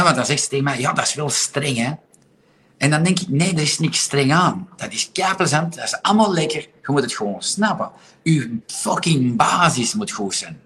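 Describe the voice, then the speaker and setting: A man's voice: lowish voice, a bit bright. A man with a Flemish accent hosting a casual livestream, talking bluntly and sarcastically and often asking rhetorical questions. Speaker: livestream host.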